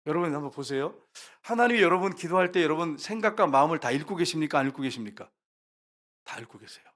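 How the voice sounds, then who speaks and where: Man, pastor, sermon, animated delivery, slightly high-pitched. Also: fast. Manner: lively preaching, acting out quoted voices. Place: church sanctuary.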